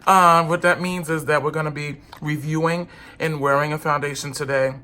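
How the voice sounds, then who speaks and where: Stuffy and congested from a cold, a man reviews foundation as a beauty vlogger, chatting casually and sassily to the camera. His voice is a little high and sharp in tone, with little pitch movement and a moderate pace.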